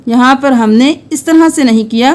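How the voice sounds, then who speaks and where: High-voiced woman teaching Quran recitation. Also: a little mellow. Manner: patient step-by-step explaining, chanting verses slowly and melodically.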